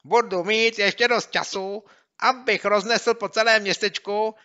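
A mischievous rival schoolboy hollers mockery from a distance, his voice pushed high and stretched into slow sneering taunts, as a male narrator puts him on. The tone is bright and forceful, and the audiobook recording sounds a little dull. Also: fairly even intonation, clear, resonant tone. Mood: taunting. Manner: mocking, taunting, drawn-out shouts. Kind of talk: audiobook character voice.

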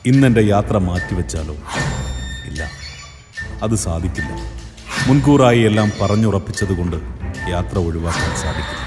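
A man narrating a horror audio story in an intense, theatrical way that rises to shouts. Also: low voice, moderate pace, pauses often. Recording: reverberant with music behind.

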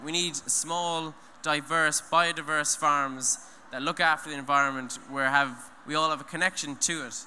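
Hardly pausing at all, a young Irish speaker at an eco event delivers an earnest, rambling talk on a large hall's stage through a handheld mic, full of restarts and "you know". His fairly high voice is bright and forceful, with fairly even intonation at a normal speed. Long hall reverb and a faint noise floor can be heard.

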